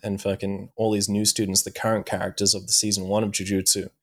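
A man with a somewhat low voice chats on a movie podcast. He retells a story in a loose, meandering way, swearing freely and filling gaps with "like" and "um.". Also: flat delivery, fast. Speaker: podcast co-host. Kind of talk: casual chat, retelling an anime plot.

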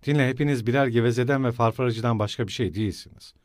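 A man voicing a hot-tempered, loyal young male student who shouts, scolds and pleads in a loud, blustering way, in a dry audiobook recording. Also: mid-range voice, rapid-fire, dry recording, natural voice. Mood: scolding.

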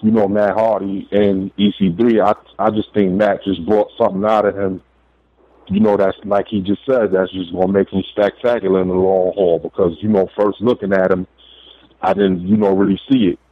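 Low-voiced Brooklyn man on a phone line. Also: flat delivery, moderate pace. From Brooklyn, New York. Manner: hesitant, peppered with "you know". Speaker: phone-in caller. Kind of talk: casual chat. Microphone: telephone. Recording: narrow tinny phone line.

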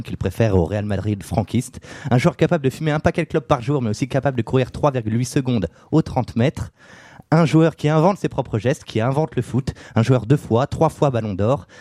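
A man's voice: medium pitch, warm tone, dry recording, studio quality. A man on a casual podcast, telling football history in a loose storytelling way, with many fillers and jokes. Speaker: podcast co-host.

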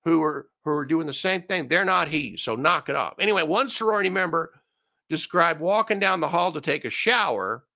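Host, male, sarcastic ranter, gravelly fry, pitch swings all over. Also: expressive, normal speed, bright, forceful tone. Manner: sarcastic, ranting, mocking asides. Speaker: commentary show host. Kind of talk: opinionated solo commentary.

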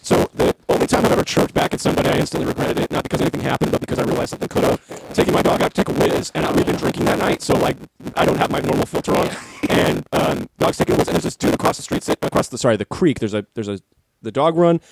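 A man with a slightly raised voice talks fast, racing through his stories. He co-hosts a casual podcast and tells them with frequent swearing and lively energy. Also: fairly high pitch, creaky, heavy background noise. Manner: profane, animated storyteller. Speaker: podcast co-host. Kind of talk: casual chat.

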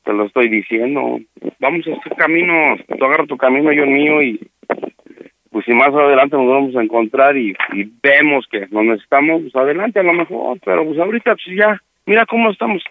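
A Mexican-accented man plays a prank call on a radio show, his slightly high voice weary and blunt as he keeps pushing to end things. The sound is a little muffled, like broadcast audio. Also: a little fast, a little hiss or hum. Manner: weary, blunt, pressing a breakup.

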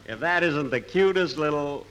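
An actor playing a good-natured, bumbling husband trying farm life in a 1940s radio comedy. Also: male voice, on the high side, animated, normal speed, dull audio, natural voice. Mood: bemused. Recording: very noisy old 1940s radio recording.

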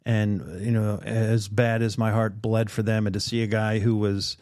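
A man's voice: on the low side, little pitch movement, normal speed, darkish tone, no room sound, studio quality. A middle-aged man hosting a podcast, talking in an earnest, reflective way with frequent fillers. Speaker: podcast host. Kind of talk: casual conversation.

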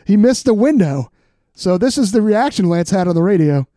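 A man's voice: high-pitched, very animated, moderate pace, warm tone, a little hiss or hum. A man co-hosting a podcast in casual sports chat, close on the mic. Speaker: podcast co-host.

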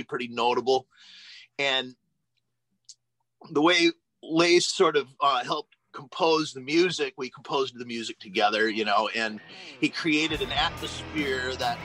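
A man's voice: medium pitch, pushed and bright, no room sound. A man, a songwriter, reminiscing in an interview, rambling with lots of fillers and casual swearing. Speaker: band songwriter.

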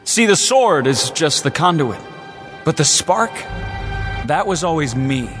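A man's voice: on the high side, sing-song, a little slow, a bit bright. An actor playing a scheming, vain male skeletal villain who speaks in a sly, theatrical way over music. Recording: clip played over music.

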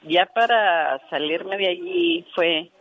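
A woman's voice: lowish voice, slow, dull audio. Earnest woman telling a nurse's story. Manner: earnest, vivid storyteller who acts out dialogue. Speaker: retired hospital nurse guest. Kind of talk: casual radio chat, telling a story.

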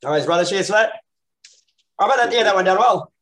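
A man's voice: high-pitched, animated, fast talker, a bit bright. A man hosting a casual music interview in a blokey, matey, sweary way.

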